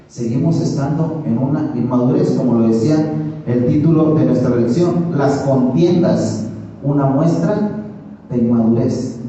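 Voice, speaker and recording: A man preaching a sermon lesson, filling pauses with "amén" and "gloria al Señor", halting and repeating words. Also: medium pitch, dark tone, a little hiss or hum. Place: church hall. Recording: echoey hall, distant dull mic.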